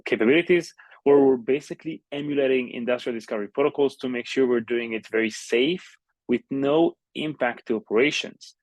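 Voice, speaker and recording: A man delivers a software sales pitch in a product demo style. His voice sits at a middle pitch in a dry, close sound. He explains step by step, pausing often as he goes. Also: no echo.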